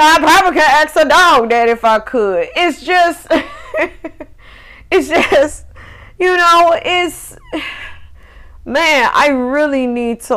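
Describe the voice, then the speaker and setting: A woman's voice: a little high, a bit bright, smooth. A woman, hosting a casual solo podcast rant that is profane and rambling, full of laughs and restarts. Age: 30s. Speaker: podcast host.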